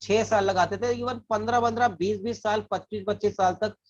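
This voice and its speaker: A man's voice: sits high, steady tone, fairly quick. A man working as a financial advisor, earnestly explaining saving and investing, often repeating and restarting his phrases. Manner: earnest, repeats and restarts phrases, mixes English terms into Hindi. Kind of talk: explanatory talk to camera. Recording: dull lo-fi recording.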